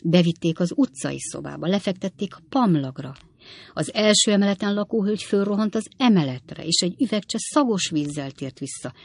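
Casting: woman narrator, lowish voice, dry close studio sound, measured storytelling. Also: animated, creaky, a little mellow, slightly rough, no echo. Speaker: audiobook narrator. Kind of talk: scripted narration of a classic novel.

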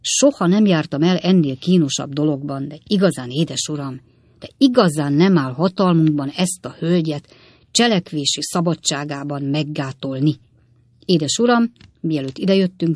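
An audiobook reader voicing a small, anxious lawyer who speaks softly and placatingly. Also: medium pitch, expressive, no room sound, clean studio sound, lightly acted. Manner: placating, soothing, hushed.

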